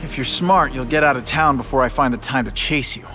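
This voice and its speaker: A man's voice: mid-range voice, a little fast, pushed and bright, faint music behind, lightly acted. An actor playing an earnest young male hero in a video game, casual, slightly awkward and wisecracking. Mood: exasperated, wry.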